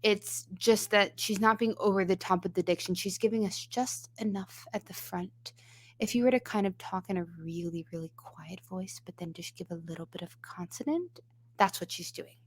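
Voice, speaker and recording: Voice teacher lady reacting to a song clip, picks apart the technique, mid-pitched, plain talky tone. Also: moderate pace. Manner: analytical, explains singing technique step by step. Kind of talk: reaction commentary on a singing clip.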